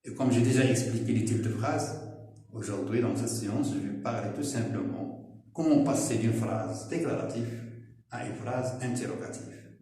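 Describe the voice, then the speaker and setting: A man teaching a classroom grammar lesson, explaining slowly and often checking with his pupils. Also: mid-range voice, dark tone. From Morocco. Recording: echoey room, voice heard from far off.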